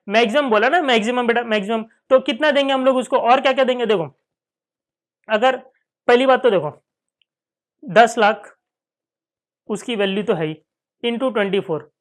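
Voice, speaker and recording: A man with an Indian accent lecturing in a Hindi-English classroom, asking and answering his own questions and repeating key points. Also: very high voice. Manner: acts out students' questions in dialogue. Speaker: finance lecturer.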